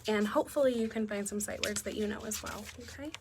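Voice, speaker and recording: A woman teacher at an elementary school leads a read-aloud lesson for young children, teaching and often asking questions. She speaks fast in a mid-range voice, over background noise.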